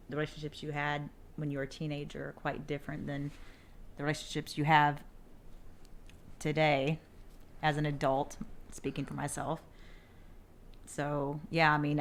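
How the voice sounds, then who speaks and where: A woman co-hosting a casual podcast chat, relaxed, chatty and teasing. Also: low voice, slight background noise. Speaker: podcast co-host.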